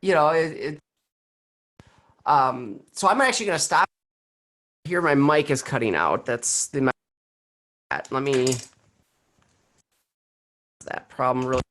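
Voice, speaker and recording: A woman's voice: very deep voice, expressive, takes it slowly, long pauses, fairly bright tone. A woman giving an online security presentation through a computer mic that keeps cutting out, so her volume rises and drops unevenly. She explains her points with rhetorical questions and frequent restarts. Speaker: security speaker.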